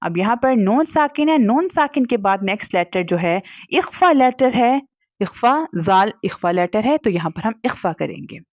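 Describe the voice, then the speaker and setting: A woman teaching children to read the Quran with its recitation rules, explaining patiently and drawing out syllables slowly when she demonstrates them, with English words mixed into her talk. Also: medium pitch, animated, dry recording, muffled recording. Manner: mixes English words into Hindi speech. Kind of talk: Quran recitation lesson for kids.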